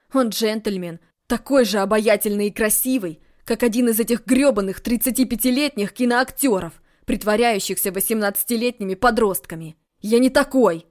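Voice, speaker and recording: A woman's voice: medium pitch, darkish tone, lightly acted. A woman reading a young man in an audiobook, serious and guarded, with a mid-range voice that flares when pushed. The delivery is earnest and grounded. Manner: serious, heated outbursts.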